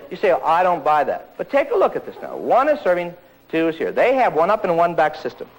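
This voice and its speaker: A man giving an energetic tennis lesson, joking and acting out players' voices. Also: on the high side, fast, low-quality recording. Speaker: tennis coach. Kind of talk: energetic tennis instruction talk.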